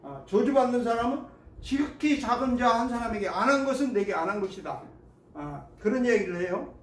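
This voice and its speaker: A male pastor preaching a sermon, telling the story in a lively way and acting out the voices of the people in it. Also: very high voice, a little fast, distant mic. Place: church sanctuary. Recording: echoey hall, mic from afar.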